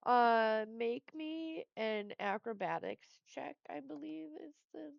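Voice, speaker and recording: An easygoing woman game master running a tabletop session. She talks slowly with a gravelly texture. The recording is dry and dull. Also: on the high side, lively intonation, no echo. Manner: easygoing, laughs along with players.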